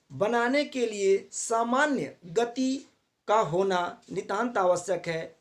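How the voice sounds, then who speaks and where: Teacher lecturing with many fillers. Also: male voice, very high voice. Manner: explains step by step with frequent fillers, repeats key terms. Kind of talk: classroom lecture for teacher trainees.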